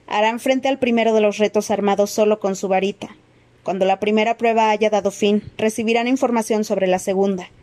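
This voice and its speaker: A woman reading a storybook, voicing a weary, dazed male official who gives formal instructions slowly and distractedly. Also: medium pitch, dark tone, natural voice.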